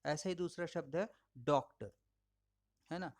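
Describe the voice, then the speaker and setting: A man giving a recorded audio lecture, explaining patiently, addressing listeners as friends and slowing down to model words. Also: fairly high pitch. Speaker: English teacher.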